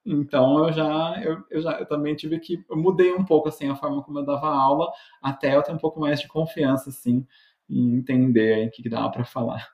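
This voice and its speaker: A man's voice: a little high, steady tone, a little fast, darkish tone. A Brazilian man with a Brazilian Portuguese accent, a guest chatting casually on a podcast as a joking, self-mocking storyteller full of fillers. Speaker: podcast guest, medical educator. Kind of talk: casual interview chat. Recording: roomy echo.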